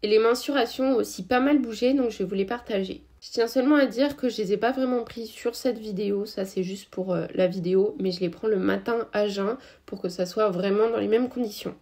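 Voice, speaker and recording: A woman's voice: mid-range voice, fairly quick, few pauses, a little mellow, roomy sound. A young woman vlogging about her fitness routine, chatting casually with viewers and using lots of fillers. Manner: chatty, frequent fillers, addresses viewers directly. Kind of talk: casual explanatory vlog.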